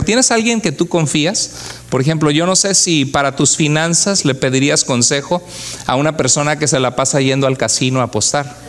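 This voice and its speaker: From the pulpit, a pastor whose voice sits slightly above the usual male pitch delivers a fervent church sermon. Rhetorical questions aimed at his congregation come up again and again.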